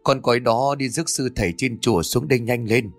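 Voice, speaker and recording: A man's voice: medium pitch, a little fast, dry recording, faint music behind, lightly acted. Man playing a frightened superstitious old uncle. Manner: stammering, urgent.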